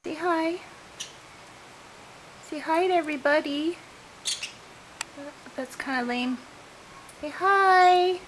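A woman's voice: high-pitched, slow pace, pauses often, a little hiss or hum, low-quality recording. A young woman chatting to her pet parrots in sing-song baby talk, some lines half whispered, in a home video. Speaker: parrot owner filming her birds. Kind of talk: casual chat with pet birds. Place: home room with birds. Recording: home video with bird chirps behind.

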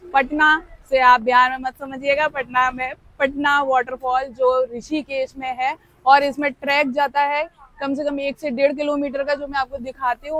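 A young travel vlogger hikes a forest trail, chatting playfully into a handheld phone camera and exclaiming along the way. Her voice is high and a bit bright, with no echo, though the audio is poor.

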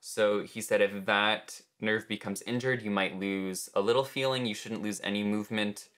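A young man with a fairly low voice tells a personal story in a casual vlog style. He is chatty and slips into quoting other people as he recounts things, recorded in a small bedroom. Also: fairly even intonation, moderate pace, a bit bright. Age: young adult. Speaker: vlogger.

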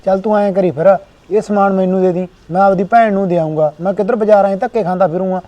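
A man playing a calm village husband with an Indian Punjabi accent, lecturing his wife in a family drama. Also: high-pitched, quick pace, lo-fi sound, close to an everyday voice. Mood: reproachful. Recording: background music under the speech. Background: music.

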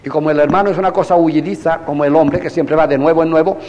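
A man's voice: on the high side, steady tone, fast talker, a little mellow, big-room sound, lo-fi sound. An older man, a priest, giving a classroom lecture on theology, asking his listeners rhetorical questions and acting out quoted exchanges.

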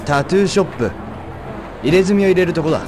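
A man's voice: on the high side, lively intonation, quick pace, noisy background, natural voice. An actor playing a serious, stoic young man in a video game, speaking in a terse, earnest and polite way. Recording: music behind the voice.

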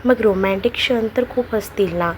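A woman's voice: medium pitch, normal speed, a little hiss or hum, natural voice. A woman voicing a mischievous middle-aged aunt who teases the bride. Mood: teasing. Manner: teasing.

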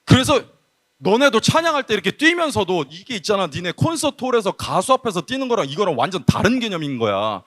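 생기 넘치는 남성 설교자, 높은 목소리. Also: male voice, high-pitched, fast. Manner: lively casual storytelling, acting out people. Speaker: pastor. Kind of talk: youth sermon with storytelling.

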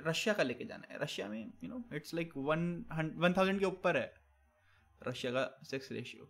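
A young male game streamer with a slightly high-pitched voice, reading the chat out loud. He ribs viewers with casual, joking banter and drops English catchphrases between his sentences. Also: gravelly. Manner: teasing banter while reading chat aloud; mixes English catchphrases into Hindi.

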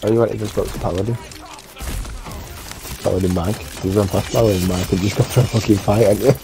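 A man's voice: fairly low pitch, fairly even intonation, quick pace, background noise. A man chatting casually and bluntly during a co-op game, with plenty of swearing. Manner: blunt, sweary, matter-of-fact. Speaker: co-op gamer. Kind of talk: casual gaming chat.

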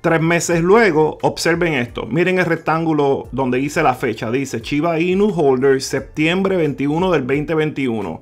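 A man narrates over a screen recording, his voice sitting on the higher side. he speaks straight to his viewers, walks them through each number and repeats it slowly. faint music plays softly under his voice. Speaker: crypto video host. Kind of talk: screen-share explainer talk.

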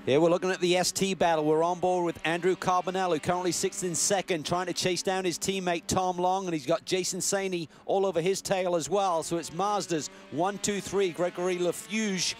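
A man doing excited play-by-play motorsport commentary, calling the action briskly. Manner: brisk, excited calls that rise in pitch at key moments. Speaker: lead race commentator.

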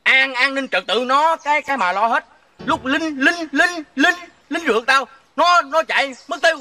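A man's voice: very high voice, moderate pace, sharp tone, far from the mic, exaggerated voice. A man playing a stuttering, boastful city gambler in a stage comedy sketch, repeating syllables constantly. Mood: stammering.

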